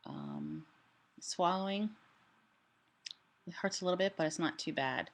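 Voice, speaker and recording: A woman giving a casual personal update in a halting way, her voice limited in range and altered by a sore, swollen throat after surgery. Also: fairly low pitch, wildly swooping pitch. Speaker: vlogger sharing a health update. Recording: clearly noisy room ambience.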